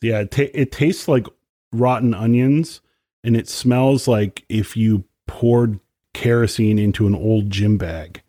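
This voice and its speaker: A man co-hosting a podcast, a musician chatting casually and complaining with drawn-out emphasis. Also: on the low side, warm tone, dry recording, studio quality. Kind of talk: casual chat.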